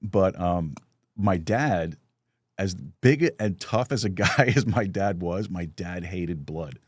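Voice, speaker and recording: A middle-aged man hosts a relaxed live conversation, his voice sitting very low. He tells stories loosely, restarting phrases and chuckling along the way. The sound is dry and close. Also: takes it slowly, husky, no echo. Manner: storytelling with lots of restarts and chuckles. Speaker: podcast host. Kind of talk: casual live chat.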